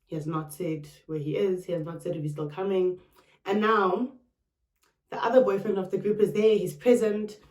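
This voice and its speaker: A woman's voice: medium pitch, moderate pace. Dramatic South African woman telling a story. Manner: dramatic, expressive storytelling with sharp retorts. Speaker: vlogger. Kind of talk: storytime chat. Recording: roomy, a bit distant from the mic.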